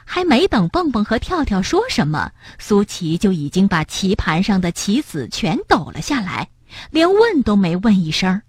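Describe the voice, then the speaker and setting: 语调活泼、给孩子讲故事的女人. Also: female voice, medium pitch, normal speed, slightly rough, dry recording. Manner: lively, expressive. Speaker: children's storyteller. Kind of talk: picture-book reading for children. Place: Shenyang.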